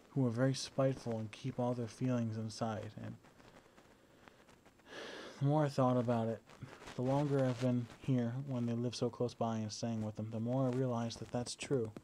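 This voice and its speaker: A young man lying down indoors records a casual video diary on a battery-powered camera, speaking at a normal speed in a medium-pitched voice. He sounds relaxed but hesitant, with fillers and restarts, and there's a slight hiss or hum.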